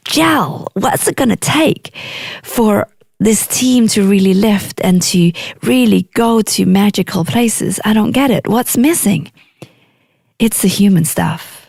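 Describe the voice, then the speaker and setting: A woman's voice: medium pitch, vocal fry, dark tone, no echo, clean studio sound. A middle-aged woman from Denmark with a Danish accent, hosting her own podcast as an executive coach and speaking earnestly and emphatically in a solo monologue. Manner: earnest, emphatic, acts out quoted clients.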